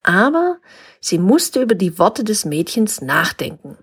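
A woman narrating a gentle story for her podcast, in a calm storytelling way. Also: fairly low pitch, moderate pace, slightly rough.

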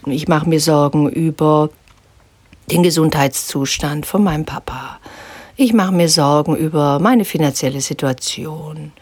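A woman teaching a guided spiritual lesson, calmly instructive and sometimes dropping to a soft whisper. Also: sits low, a little slow, breathy edge, dry recording. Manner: calm, gently instructive, drops into soft whispers. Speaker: spiritual teacher guiding an exercise.

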